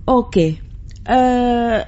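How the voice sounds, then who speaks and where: A woman host leads a radio language lesson, speaking slowly and carefully. She repeats words back to get the pronunciation right. Her voice comes through with a dull, lo-fi radio sound. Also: on the high side, warm tone, a little hiss or hum.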